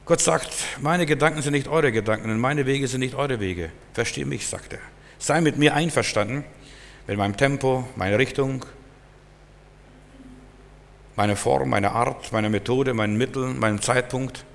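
A man's voice: medium pitch, moderate pace, gravelly. A man preaching a sermon emphatically, acting out Bible scenes in different voices. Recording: long hall reverb.

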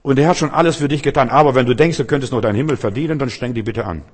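Animated German-speaking preacher, loud then hushed. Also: male voice, medium pitch, very fast, slightly rough. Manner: animated, swings between loud exclamations and quiet asides; addresses listeners directly, often with rhetorical questions. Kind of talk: free-flowing sermon.

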